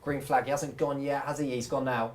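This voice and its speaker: A man's voice: medium pitch, level tone, brisk. A man hosting live motorsport commentary, calling the action and bringing in his co-commentators.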